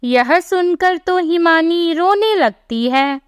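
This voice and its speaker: A woman's voice: very high-pitched, lively intonation, slow, no echo, clean studio sound. A woman narrating a storybook tale in a plain, sympathetic way.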